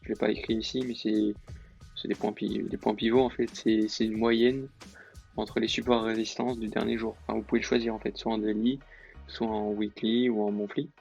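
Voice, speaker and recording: A man's voice: fairly low pitch, flat delivery, a little fast, vocal fry, a little mellow, slightly rough, faint music behind. A man explaining a trading lesson in a casual, hesitant way, with many fillers and self-corrections. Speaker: trading tutor. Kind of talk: casual screen-recorded lesson.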